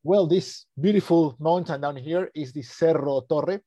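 An Argentine man in his thirties, a native Spanish speaker with an Argentine accent, answers interview questions as a guest naturalist guide, sounding friendly but hesitant. His voice is fairly high-pitched and dark in tone, unhurried, with no room sound.

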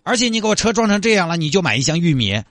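A man's voice: sits high, wildly swooping pitch, quick pace, pushed and bright, no echo, studio quality, soft background music, pitched above the performer's own voice, heavily acted. A man voicing an indignant young male car owner, scolding and exasperated.

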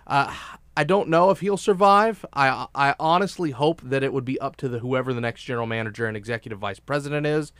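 A man co-hosting a sports talk show, arguing his opinions emphatically with quick restarts. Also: medium pitch, a bit bright, clear, resonant tone, dry recording.

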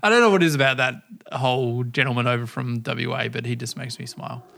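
A man's voice: mid-range voice, quick pace, vocal fry, fairly bright tone. An Australian man co-hosting a podcast in casual chat, laughing often and swearing freely in jokey banter. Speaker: podcast co-host.

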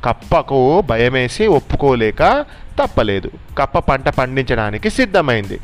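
Brief: a man patiently narrating a children's story, with a smooth, clear voice and soft music behind him. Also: medium pitch, very animated, a little slow. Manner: explaining patiently.

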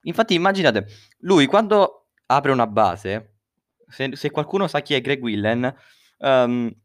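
Young male podcast host, talking through a face mask, medium pitch, dry close mic, casual, rambling, humorous. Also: lively intonation, unhurried, no echo. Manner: rambling, self-correcting, uses swear words. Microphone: close podcast microphone, dry sound.

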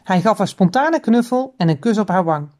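A woman reading a children's book aloud, chapter by chapter, in an expressive storytelling voice. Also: mid-range voice, a little fast.

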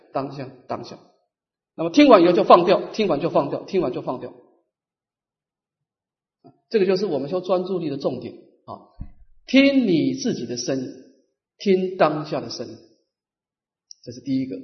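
A man with a high voice gives a Buddhist dharma lecture, punching each numbered point and then letting his phrases fade. The sound is dull and muffled, as if the mic sits some distance away in the hall. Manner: emphatic, stresses numbered points with rising pitch, trails off softly. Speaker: Buddhist teacher. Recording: muffled lecture recording from afar.

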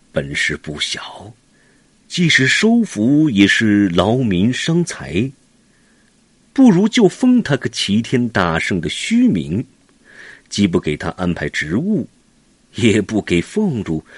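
A man voicing an old court minister who gives quiet, careful advice. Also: breathy edge, no room sound, full character voice. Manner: low, soft, advising.

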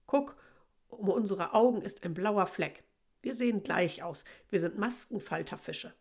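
A woman's voice: mid-range voice, a little slow, gravelly, darkish tone. A woman reading aloud, voicing a snooty, dismissive older brother fish. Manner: annoyed, condescending.

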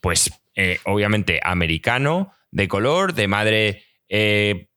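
Emphatic Spanish man, bright lively voice. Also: lowish voice, slow pace. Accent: Spain Spanish. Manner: emphatic, argumentative, swears a lot. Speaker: podcast co-host. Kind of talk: heated casual chat.

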